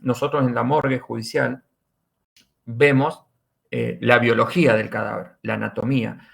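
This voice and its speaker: In a podcast interview, a middle-aged forensic doctor with an Argentine Spanish accent describes what he does, restating important phrases for emphasis. He talks at normal speed in a creaky, medium-pitched voice with fairly even intonation.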